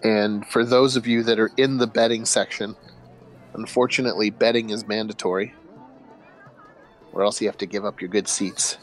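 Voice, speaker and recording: A man running a tabletop game as game master, narrating haltingly with many fillers and frequent laughter. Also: on the low side, fairly even intonation, rough recording.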